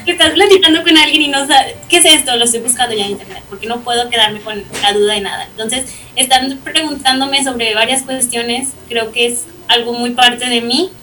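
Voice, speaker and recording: A lively woman in her twenties with a Mexican accent introduces herself. Her voice is bright and fairly high. She sounds distant from the mic, with faint noise behind. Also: fairly quick, hardly any pauses. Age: 20s. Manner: lively, laughs easily. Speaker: guest.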